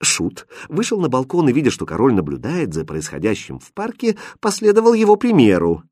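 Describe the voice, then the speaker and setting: A man narrating a fairy tale audiobook with expressive storytelling. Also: mid-range voice, fairly quick, dry recording, studio quality.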